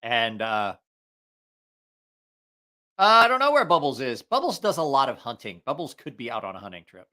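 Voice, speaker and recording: Hosting a laid-back knife-review livestream, he rambles, curses, jokes, and gets sidetracked, slightly breathless because of allergies. His mid-range voice swings hugely in pitch, moves at a normal speed with long pauses, and comes across bright and forceful.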